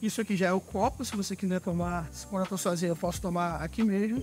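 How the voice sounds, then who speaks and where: High-voiced Brazilian man explaining camp coffee. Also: quick pace, background noise. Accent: Brazilian Portuguese. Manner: relaxed, explanatory, handles gear while talking. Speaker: barista explaining trail coffee gear. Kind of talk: casual outdoor demonstration. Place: forest outdoors.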